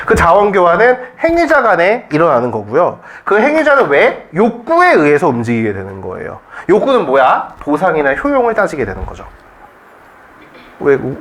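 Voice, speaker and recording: Lively, quizzing male cram-school teacher. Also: fairly high pitch, slight background noise. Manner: lively, joking and rhetorical, quizzing students constantly. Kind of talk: classroom lecture. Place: classroom.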